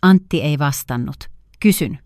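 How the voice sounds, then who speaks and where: Woman, low voice, dry close sound, scripted story narration, even and measured. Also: no echo.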